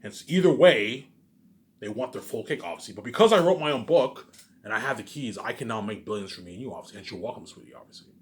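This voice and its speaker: This solo online vlogger, a man with a lowish voice, talks fast and animatedly in a casual, unscripted monologue. He's emphatic and slangy, repeats himself, and lets phrases trail off into asides.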